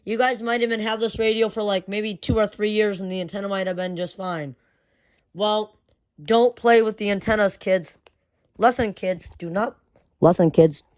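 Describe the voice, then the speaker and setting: A young vlogger shows off a collection of weather radios, speaking at normal speed in a clear, resonant, medium-pitched voice with fairly even intonation. It's loose and unscripted, full of slang, repetition and the odd mild curse.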